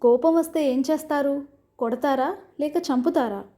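A woman's voice: high voice, moderate pace, mellow, pitched above the performer's own voice, close to an everyday voice. A woman voicing a proud, defiant young bride in a storybook reading, firm and indignant.

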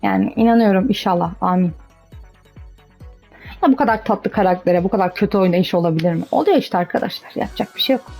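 A young female streamer talks fast over her gameplay, her medium-pitched, darkish voice edged with vocal fry. Chatty and casual, she alternates between self-encouragement and exasperation while faint music plays.

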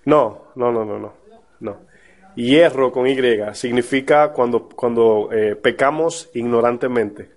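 A man pastor teaching a Bible study to a live audience, talking in a relaxed, conversational way and often checking in with his listeners with questions. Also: mid-range voice, slow pace.

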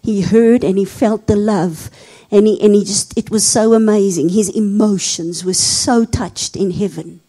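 Slow, husky South African woman preaching. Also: medium pitch, fairly even intonation. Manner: dramatic, drops to whispers and rises to shouts when telling a story. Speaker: seminar speaker. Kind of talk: sermon storytelling. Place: seminar hall.

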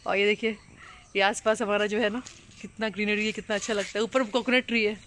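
A woman's voice: medium pitch, steady tone, fast, fairly bright tone. A young woman from India, chatting to viewers in a casual home vlog while filming around her family's house and kitchen. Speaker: family vlogger.

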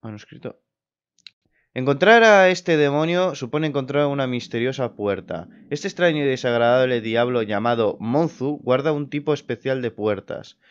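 A young man giving casual let's play commentary, excitable and quick to swear. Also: medium pitch, clean tone, muffled recording. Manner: excitable, swears, laughs at scares. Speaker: gamer.

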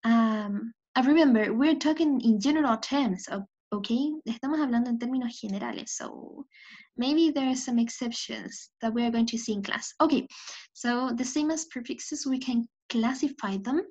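An English teacher whose first language is Spanish speaks in a voice on the high side, a little slow, somewhat mellow and slightly rough. She explains in English, repeats in Spanish, and often adds "¿ok?". The bilingual lecture audio is dull and lo-fi.

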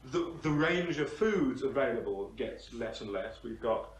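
A man's voice: mid-range voice, animated, a little slow. A man from the audience asking a long, searching question, hesitating as he builds his argument. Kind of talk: discussion question. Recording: roomy sound from far off the mic, faint hiss.

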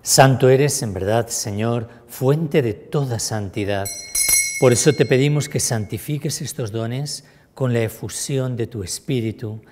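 A man, a priest, celebrating Mass, praying in a solemn, measured way in a church. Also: medium pitch, a little mellow, a little hiss or hum. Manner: solemn, measured liturgical prayer. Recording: echoey church with long reverb.

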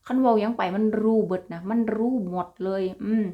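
A woman's voice: mid-range voice, brisk, highs cut off. Chatty Isan-accented woman vlogger. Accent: Isan (Northeastern Thai). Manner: chatty, laughs often, addresses viewers as siblings. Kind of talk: casual chat to viewers.

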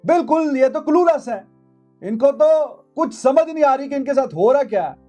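High-pitched sarcastic cricket analyst man. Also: animated, moderate pace, dark tone, faint music behind. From Pakistan. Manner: mocking, repeats phrases for emphasis. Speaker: cricket commentator. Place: indoor studio.

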